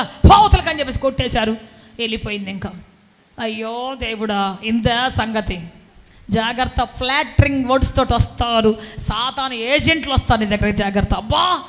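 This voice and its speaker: Animated high-voiced woman preacher. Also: long reverb tail. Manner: animated, breaks into shouted exclamations. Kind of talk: sermon with acted-out stories.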